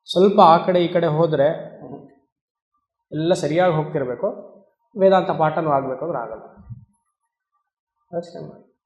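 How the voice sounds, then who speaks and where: A man, a swami, giving a spiritual discourse on Vedanta, talking conversationally, asking the listeners questions and chanting Sanskrit verses slowly. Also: on the high side, a little mellow, roomy sound, dull audio. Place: discourse hall.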